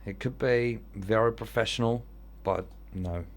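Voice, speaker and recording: Slow, low-voiced Italian man. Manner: thinking aloud, weighing choices. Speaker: online football manager player. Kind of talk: casual game commentary.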